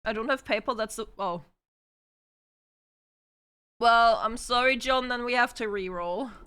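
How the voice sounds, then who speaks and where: A woman streamer chatting casually with her live viewers, bubbly and talkative, now and then calling out loudly. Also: a little high, measured pace, clean tone. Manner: bubbly, chatty with viewers, bursts of shouting and laughing.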